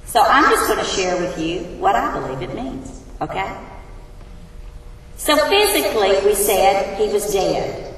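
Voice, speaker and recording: A woman's voice: medium pitch, sing-song, measured pace, a bit bright, far from the mic. A woman teaching a sermon who asks her congregation questions, her voice echoing around a big hall. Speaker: Bible teacher. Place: large hall.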